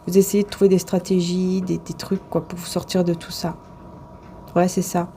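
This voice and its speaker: A woman's voice: fairly low pitch, little pitch movement, normal speed, background noise. A woman reading tarot cards to the viewer in a casual, rambling way, with many hesitations and restarts. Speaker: tarot and oracle card reader.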